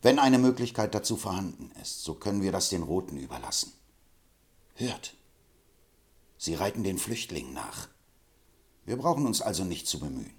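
A man reading an audiobook, voicing a calm, stern frontier hero who speaks firmly and commandingly. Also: low-pitched, normal speed, pauses often. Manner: firm and commanding.

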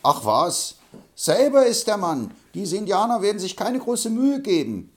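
A man reading an audiobook, voicing an excitable, boastful older man who gets angry fast and speaks shrill and loud. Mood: stubborn.

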